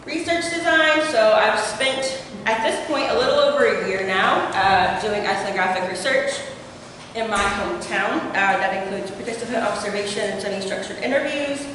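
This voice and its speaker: Her medium-pitched voice is a bit bright and paced normally, though she sits far from the mic. A young woman with an Appalachian accent, she is a doctoral student giving an informal research presentation in a lecture room, with many filler hesitations, captured in an echoey, noisy hall.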